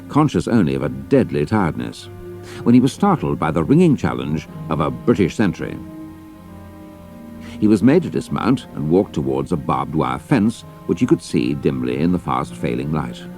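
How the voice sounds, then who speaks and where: Very deep gravelly male narrator. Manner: measured, dramatic storytelling. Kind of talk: scripted audiobook narration.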